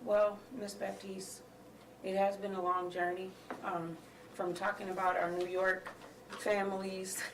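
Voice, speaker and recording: A woman's voice: medium pitch, little pitch movement, a little slow, background noise. A woman board member paying tribute to a colleague at a school board meeting. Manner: warm tribute, laughing between phrases. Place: meeting room. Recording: echoey room mic from far off.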